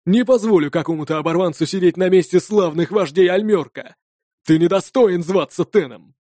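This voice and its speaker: A brash viking challenger bellows his boasts in a high, ringing voice, acted out by a male audiobook narrator. He swaggers through every line. The sound is dry and close. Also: normal speed, no room sound. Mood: boastful challenging. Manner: loud, swaggering.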